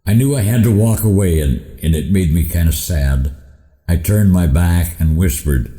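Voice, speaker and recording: A man's voice: low voice, moderate pace, warm tone. A man with a folksy cowboy drawl, reciting a rhymed cowboy poem as a storyteller. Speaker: cowboy poet. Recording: roomy echoing hall.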